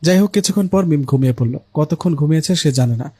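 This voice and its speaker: A man narrating a Bengali ghost story in a lively storytelling manner, voicing all the figures himself. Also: a little high, fast talker, breathy edge, no echo.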